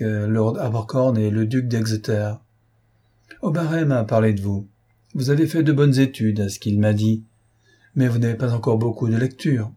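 A man's voice: medium pitch, warm tone, husky, close to an everyday voice. A man voicing a brusque, self-important older male philosopher who talks in an impatient, lecturing way.

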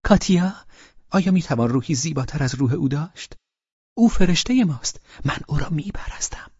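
A gushing, adoring young sister , voiced by a male reader, speaks in a lifted, delighted tone. The voice is husky and slightly breathy, recorded dry and dull like a lo-fi storybook. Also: a little high, lively intonation, dark tone, no room sound, pitched above the performer's own voice. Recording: dull lo-fi sound.

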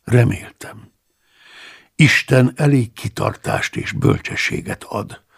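A man narrating an audiobook in the first person, in a measured, somber and often hushed way, with a gravelly, husky voice. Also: on the low side, huge pitch swings.

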